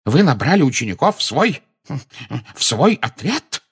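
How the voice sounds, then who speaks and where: A man's voice: huge pitch swings, drawn-out words, creaky, heavily acted. A man voicing a blustering, pompous minister who barks out his words and gloats. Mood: shocked. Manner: shrill, barking exclamations. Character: blustering middle-aged male minister, gleeful and pompous.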